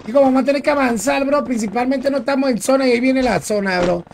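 A man's voice: extremely high pitch, quick pace, darkish tone, slight background noise. A young man, streaming a game and joking with his viewers in casual chat. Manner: chatty, joking, reads and answers viewers. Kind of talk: casual live-stream chat while playing.

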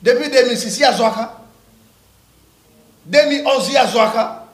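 Fiery high-voiced man. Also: a little slow, echoey room. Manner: fiery, repeats words for emphasis, bursts into shouting. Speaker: interviewee giving political opinions. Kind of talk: impassioned street interview.

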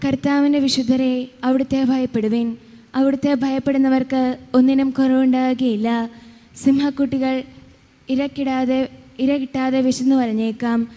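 High-voiced woman reading scripture. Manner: steady measured reading. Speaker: lector. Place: church. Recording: reverberant church hall.

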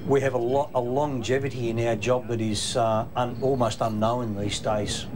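A middle-aged Australian train driver talking casually from his cab, halting now and then with fillers. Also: medium pitch, flat delivery, crowd noise. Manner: plain-spoken, halting with fillers. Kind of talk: casual documentary interview.

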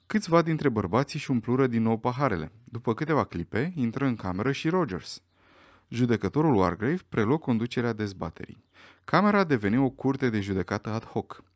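A man narrating a mystery audiobook in an expressive, dramatic way. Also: mid-range voice, no echo, clean studio sound.

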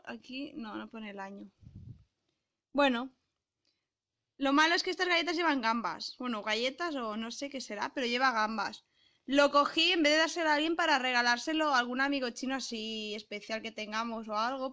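A young woman vlogs from her small apartment, chatting cheerfully and walking the viewer through her kitchen. Her voice sits high and bright. She holds the camera at arm's length, so the sound is close and informal. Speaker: vlogger. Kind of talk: casual vlog chat to camera. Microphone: handheld camera at arm's length.

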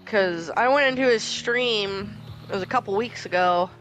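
A woman streams a game and talks nonstop with a friend, cursing freely as she rants. Her voice is bright and sharp at an ordinary pitch, with faint game music underneath. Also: normal speed, poor audio. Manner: chatty, swears freely, ranting complaints. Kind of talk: casual chat while gaming.

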